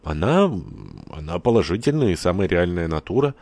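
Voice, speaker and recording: Man reading as a gruff skeptical major. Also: deep voice, very animated, fairly quick, a little mellow, no room sound. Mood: puzzled.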